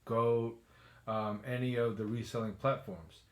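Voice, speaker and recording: A man co-hosting a casual sneaker chat show with a noticeable accent, easygoing and quick to laugh, often restarting his phrases. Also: mid-range voice, steady tone. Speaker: co-host. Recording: echoey room.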